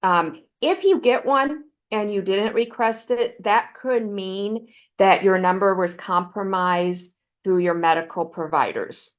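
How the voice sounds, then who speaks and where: A woman presenting a benefits counseling webinar, walking listeners through slides in a steady, explanatory way. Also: medium pitch, muffled recording. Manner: explanatory, steady, uses "um" fillers.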